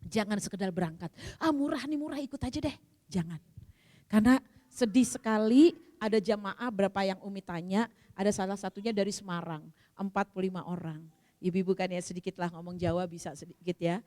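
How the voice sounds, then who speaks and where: A middle-aged woman teaching a women's religious study group. She tells stories in a chatty, animated way and acts out the dialogue. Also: medium pitch, a little fast. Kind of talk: storytelling religious talk. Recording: long reverb hall.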